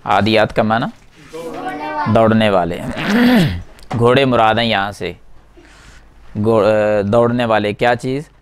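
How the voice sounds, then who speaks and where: Clear-voiced man teaching from a whiteboard. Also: fairly low pitch, fairly even intonation, long pauses. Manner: asks the class questions and answers them himself, repeating key words. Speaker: Quran teacher. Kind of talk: classroom explanation at a whiteboard.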